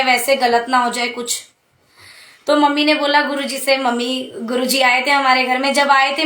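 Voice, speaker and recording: A young woman tells her devotional story to a gathered congregation in a high, ringing voice. Her tone is earnest and heartfelt, and her words tend to tumble out quickly. The sound is caught in an echoey room. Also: bright, forceful tone. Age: young adult. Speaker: devotee sharing testimony at a satsang. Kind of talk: devotional personal testimony.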